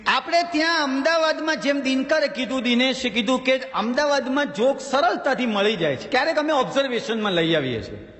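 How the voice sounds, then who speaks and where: A man's voice: extremely high pitch, lively intonation, fairly quick, a bit bright, in a large hall. A man doing a stand-up comedy monologue with a Gujarati accent, telling anecdotes and slipping into character voices for the punchlines.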